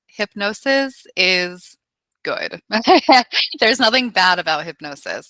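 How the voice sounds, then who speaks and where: A woman hypnotherapist, a podcast guest, explaining hypnosis in a casual, animated way with frequent laughs and fillers. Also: on the low side, no echo.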